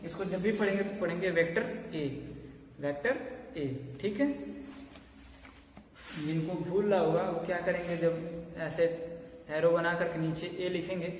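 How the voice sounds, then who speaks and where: A male maths teacher giving a conversational lecture at a board, checking in with his students often. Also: a little high. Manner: conversational, keeps checking in with "okay". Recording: echoey room, mic far off, faint noise.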